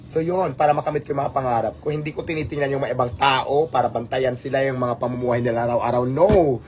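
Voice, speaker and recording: A man's voice: mid-range voice, steady tone, quick pace, soft background music. A man hosting a casual livestream, talking animatedly and rhetorically, mixing in English phrases. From Philippines. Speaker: livestream host.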